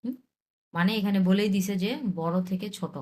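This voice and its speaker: A young woman from Bangladesh, teaching an online language lesson, repeating examples and reading English lines slowly. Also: medium pitch, steady tone, darkish tone. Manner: explains slowly with repeated examples, reads English text haltingly.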